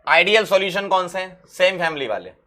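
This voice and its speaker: Briskly, a male teacher covers chemistry for exam preparation, his slightly high voice bright and forceful. He delivers it in a lively way, repeating key phrases and answering his own questions.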